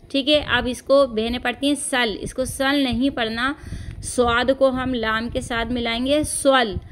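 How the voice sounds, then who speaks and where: A woman teaching recitation as a patient, corrective teacher, chanting slow phrases and then explaining each one. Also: fairly high pitch, a bit bright, slight background noise. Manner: patient, corrective, says "theek hai" often.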